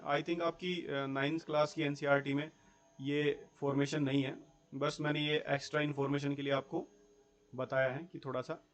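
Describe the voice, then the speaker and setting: A young man teaching a school geography class, explaining step by step in a mix of Hindi and English terms and checking in with his students. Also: fairly high pitch. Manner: explains step by step, often checks in with "theek hai" and rhetorical questions.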